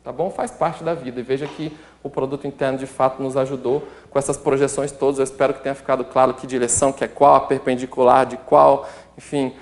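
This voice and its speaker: A man's voice: medium pitch, little pitch movement, fast. A man with a Brazilian Portuguese accent who teaches a calculus lesson step by step, working through sums as he writes them out and checking in with the listener often. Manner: works through sums while writing them out. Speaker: math instructor. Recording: roomy echo.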